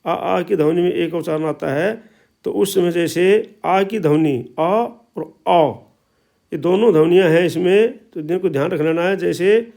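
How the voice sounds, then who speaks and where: A man teaching pronunciation, explaining slowly and repeating each sound many times. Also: high-pitched, gravelly, a little mellow. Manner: slow, repetitive explaining with drawn-out sounds. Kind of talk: spoken language lesson.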